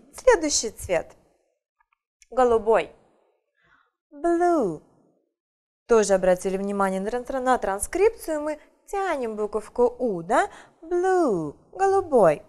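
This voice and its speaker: A woman teaching young children English. She is patient, often checks that they follow, and draws out her words to model pronunciation carefully. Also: high voice. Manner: patient, frequently asks "да?" to check understanding.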